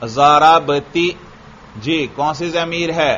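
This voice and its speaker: A male religious teacher from Pakistan drilling grammar with his class, quizzing students with repeated questions and chanting word forms slowly. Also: a little high, fairly bright tone, highs cut off, slight background noise.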